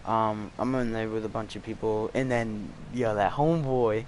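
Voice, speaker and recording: A man's voice: fairly low pitch, fairly even intonation, moderate pace, darkish tone, a little hiss or hum. A young man telling a rambling, profane story about his school day in a casual storytime vlog, full of slang and fillers. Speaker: student storyteller.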